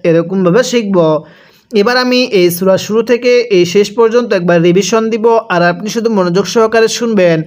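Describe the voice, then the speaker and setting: A man teaching Quran reading, spelling out each syllable and asking the listener to repeat after him. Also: sits high. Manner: drawn-out chanting recitation. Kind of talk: slow spelled-out Quran recitation lesson.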